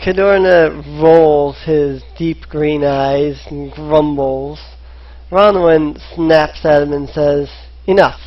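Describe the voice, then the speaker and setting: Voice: medium pitch, fairly even intonation, slow. A dungeon master narrating a tabletop game, hesitant and full of filler sounds, in a dull lo-fi recording.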